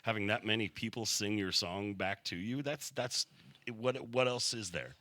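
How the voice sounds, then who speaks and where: A rock songwriter chatting on a podcast in a home-built studio, his voice low-pitched yet bright. He tells stories with plenty of swearing and a wry edge. The sound is dry and close. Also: normal speed, dry recording. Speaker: songwriter and guitarist in a rock band. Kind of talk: casual podcast chat.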